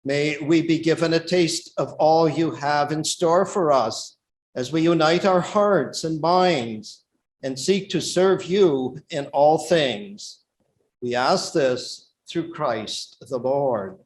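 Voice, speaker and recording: A man serving as a bishop, praying and reading scripture at Mass in a slow, measured, solemn way, his voice ringing with cathedral echo. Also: on the high side, slight background noise. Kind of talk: liturgical prayer and scripture reading. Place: large church. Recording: roomy church reverb with faint ambience.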